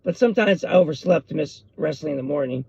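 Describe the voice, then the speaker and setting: A man, rambling excitedly and jumping between topics as he hosts a casual solo podcast. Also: on the high side, fast, husky, no echo. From US West Coast. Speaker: podcast host. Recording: dull lo-fi dry recording.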